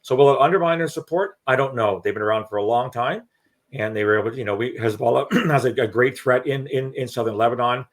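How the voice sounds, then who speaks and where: A middle-aged man speaking as a security analyst guest in a podcast discussion, measured, with frequent restarts and repeated words. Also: medium pitch.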